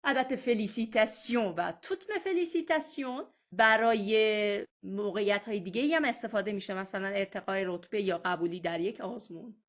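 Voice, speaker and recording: A woman teaching French vocabulary in a recorded lesson. She says each French phrase slowly and clearly, then explains it in a softer voice. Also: mid-range voice. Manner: patient and explanatory.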